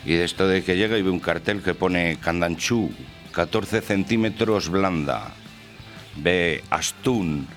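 A man from Spain, bantering on a radio show and telling bawdy jokes in a playful storytelling manner. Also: sits low. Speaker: co-host and joke teller.

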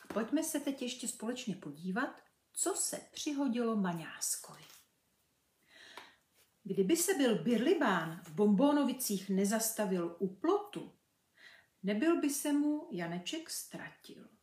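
A woman reading a children's book aloud in a lively, expressive way. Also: a little high. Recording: echoey room.

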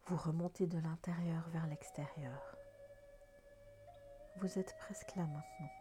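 A woman leading a guided meditation in a soft, half-whispered voice. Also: sits low, fairly even intonation, a little slow. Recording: soft background music.

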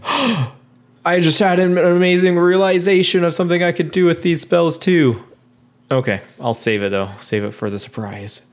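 A man playing a tabletop game, chatting casually and hesitantly with many pauses and restarts. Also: on the high side.

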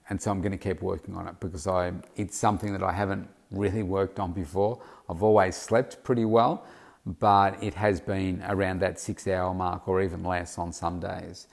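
A middle-aged man with a low-pitched, creaky voice runs his own podcast. Alone at the mic and fighting hiccups, he chats casually and rambles, often using fillers and starting over.

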